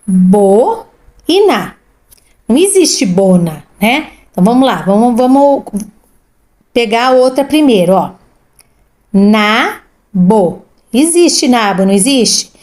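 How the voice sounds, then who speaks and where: Slow, drawn-out woman teacher. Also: fairly high pitch, sing-song, darkish tone. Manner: slow, repeats each word twice with drawn-out syllables; instructive, frequent "tá?" and "ó". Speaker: literacy teacher. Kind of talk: tutoring lesson, reading syllables aloud.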